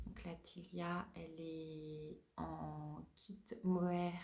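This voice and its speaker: French-speaking woman, slow, chatty, in a roomy echo. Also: lowish voice, a little mellow. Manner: hesitant, many fillers and restarts, laughs often. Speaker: knitting podcast host. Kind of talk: casual chat.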